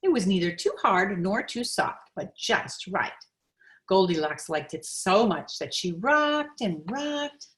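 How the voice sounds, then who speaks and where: In a mid-range voice, a woman narrates a children's picture book aloud, her storytelling expressive and deliberate.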